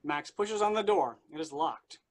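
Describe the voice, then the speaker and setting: Matter-of-fact game master, slightly high. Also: male voice, expressive, moderate pace. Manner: dry, matter-of-fact scene narration. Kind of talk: narrating a tabletop game.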